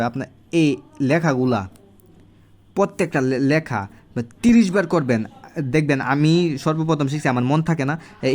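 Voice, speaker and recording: A man giving a casual handwriting lesson at home, recorded on a phone, slowly repeating each syllable as he writes. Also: a little high, a little mellow. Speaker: language teacher. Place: home room.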